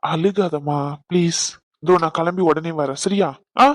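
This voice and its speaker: Cartoon role: woman playing brusque but caring young husband, lowish voice, dry close sound. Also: a little slow, dry recording. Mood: comforting. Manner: brusque, comforting. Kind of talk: cartoon voice acting.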